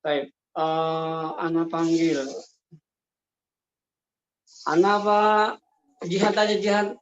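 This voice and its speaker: A man's voice: fairly high pitch, slow pace, muffled recording. A man teaching an online Arabic class, correcting his students' vocabulary and mixing Arabic phrases into Indonesian.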